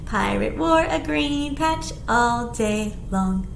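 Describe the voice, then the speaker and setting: In a small indoor room that echoes and hisses in the background, a middle-aged woman reads a picture book aloud to young children. She's expressive and asks them simple questions, speaking on the high side at a slow pace.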